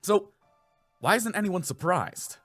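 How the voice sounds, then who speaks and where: A man's voice: high-pitched, lively intonation, slow, fairly bright tone, faint music behind, voice pushed up, heavily acted. A man playing a young self-styled mad scientist in a visual novel, theatrical and grandiose. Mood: pompous. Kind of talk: reading a visual novel aloud in character.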